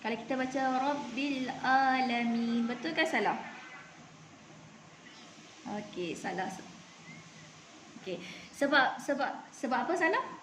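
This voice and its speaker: A woman's voice: sits high, a bit bright, reverberant, a little hiss or hum. Patient Malaysian woman teaching Quran reading. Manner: patient, repeats and drills each word slowly. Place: room at a clinic.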